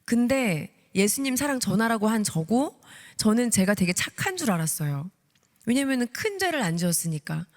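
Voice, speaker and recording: A woman deaconess in her thirties giving an animated testimony sermon, acting out her own prayers as she tells the story. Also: fairly high pitch, normal speed. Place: church sanctuary. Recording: long hall reverb.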